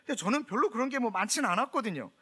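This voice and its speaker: A man's voice: very high-pitched, expressive, very fast, sharp tone, husky. A middle-aged man, a pastor, preaching a sermon with humorous storytelling and questions to the congregation.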